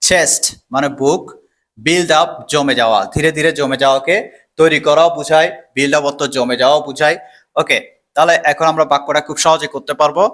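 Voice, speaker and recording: A man teaches English vocabulary step by step. His voice is bright and sits a little high. He explains patiently, repeating each word and asking himself questions before answering them. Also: fairly even intonation, fast talker.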